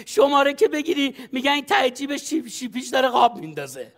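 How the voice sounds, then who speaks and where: High-voiced brash man in comedy sketch. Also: sing-song, a bit bright. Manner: brash, bossy, laughs often while coaching. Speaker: comic advisor in a sketch. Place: studio stage.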